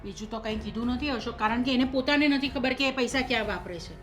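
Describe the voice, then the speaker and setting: An actress voicing a middle-aged mother-in-law who keeps pressing and listing grievances. Her voice sits a little high and firm. A soft score plays under the scene of this family drama. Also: fast talker, lightly acted. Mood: stern. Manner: accusing, insistent, lists sums and grievances. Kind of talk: short-film drama acting. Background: soft background music.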